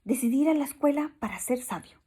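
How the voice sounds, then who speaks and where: A woman's voice: sits high, lively intonation, fast talker, mellow. A woman voicing a cheerful, pretentious little male mouse in a children's storybook, making proud sing-song declarations. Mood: boastful.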